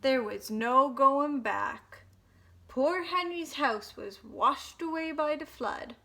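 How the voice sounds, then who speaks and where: Reading a children's picture book aloud at storytime, a woman performs it with expressive drama for young listeners. Her voice is high-pitched and gravelly, and she speaks at a slow pace.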